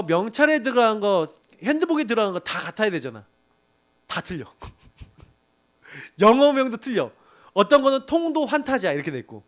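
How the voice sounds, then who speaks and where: A middle-aged man preaching to a young adults group, telling animated stories and often laughing. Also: high-pitched. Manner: animated storytelling with laughs and acted quotes. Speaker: pastor.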